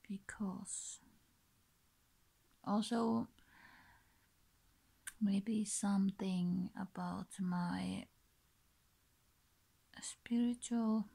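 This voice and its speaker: A woman in her thirties from Finland, with a Finnish accent, introduces her channel in casual, unscripted talk to camera, halting and breathy in short phrases. Her mellow, medium-pitched voice is caught at low quality by a built-in device mic near her face in a small bedroom.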